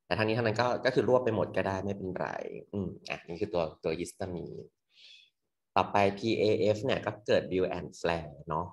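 A young man tutoring medical students in a loose, quick exam review full of fillers. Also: low-pitched. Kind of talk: casual exam review lecture. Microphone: computer mic on a screen recording.

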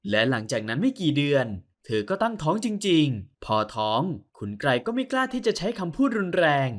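A man narrating an audio novel in a measured, expressive way, closing with a channel sign-off. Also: on the high side.

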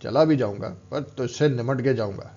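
A man reads as a harsh, bullying strongman in a storybook, his voice at a middling pitch and slightly dull on a lo-fi recording. He scolds and taunts in a rough, commanding manner. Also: normal speed, mellow, close to an everyday voice. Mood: taunting. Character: gruff older male strongman mentor, stern and mocking.

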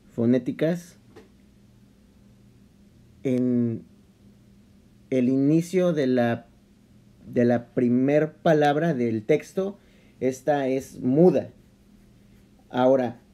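A man explaining a Bible study in a casual vlog, talking halting and conversational with many restarts and English slang mixed in. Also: mid-range voice, mellow. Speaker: vlogger.

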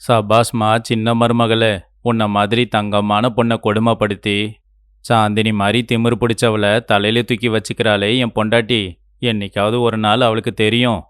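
A man voicing an older father-in-law in a cartoon story, speaking slowly and approvingly. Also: lowish voice, little pitch movement, smooth, no echo, studio quality, close to an everyday voice. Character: older father-in-law praising the good daughter-in-law.

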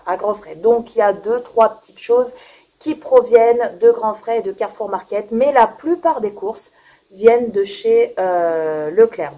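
A woman who is hoarse from being ill, chatting casually to camera as she shows her groceries, rambling with many fillers and restarts. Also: a little high, dark tone. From France. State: hoarse from illness. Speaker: vlogger showing her groceries.

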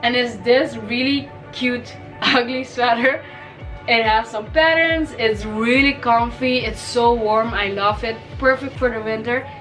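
Speaking a little slowly in a steady, bit bright voice on the high side, this young adult fashion vlogger from the Caribbean walks through her shopping haul in her bedroom. She's upbeat and chatty but has a cold, so her voice may crack; faint music sits behind the low-quality recording.

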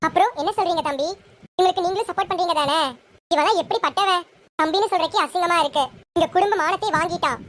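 Bossy, scornful elder sister voiced by a very high-pitched performer; soap-serial spoof. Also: quick pace. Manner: shouting insults, scornful. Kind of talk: serial parody skit.

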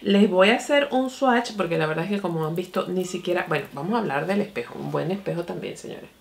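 A young beauty vlogger chats excitedly as she tries out new makeup at her vanity. Her voice sits on the low side and is gravelly with vocal fry. She keeps calling out to her viewers as she talks. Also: quick pace. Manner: chatty and excitable, often says "mi amor" and "señores". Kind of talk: casual makeup review and tutorial.

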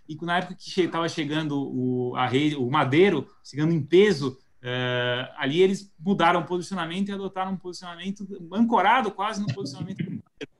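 This is a man in his thirties from São Paulo state, Brazil, speaking with a Paulista Brazilian Portuguese accent in a high-pitched voice. He's a marketing guest on a live webinar conversation, on a webcam mic in his home office. He talks thoughtfully, restarting often and using lots of fillers.

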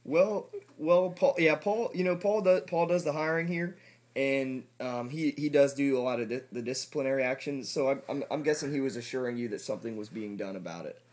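A man's voice: mid-range voice, fairly quick, darkish tone. A man acting as a supervisor on a phone call, effusive and overly sympathetic.

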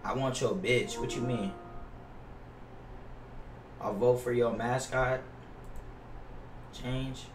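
Slow and steady in tone, this young American game streamer's medium-pitched voice leaves long pauses. He chats casually with his livestream viewers, swearing, using slang, and repeating himself. The headset mic at his indoor gaming setup gives a noisy, roomy, distant recording.

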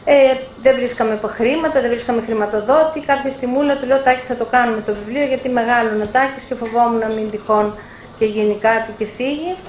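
An older woman publisher telling lively anecdotes in an interview, acting out the dialogue. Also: a little high. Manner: animated anecdotes with acted-out dialogue. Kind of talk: storytelling in a live interview. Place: bookshop event room. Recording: echoey room, faint background noise.

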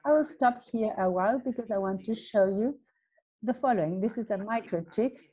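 A woman giving a technical presentation in a measured, step-by-step way, interpreting for the speaker. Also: mid-range voice, mellow, husky. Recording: dull lo-fi webinar audio.

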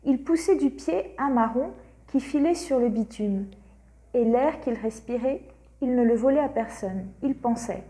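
A woman narrating a literary audiobook in a measured, expressive way. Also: on the high side. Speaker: audiobook reader.

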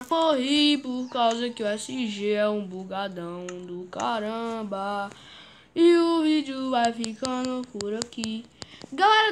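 High-voiced excitable Brazilian woman gamer. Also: a little hiss or hum. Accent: Brazilian Portuguese. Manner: excitable, chants words over and over. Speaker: gaming YouTuber. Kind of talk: gameplay commentary.

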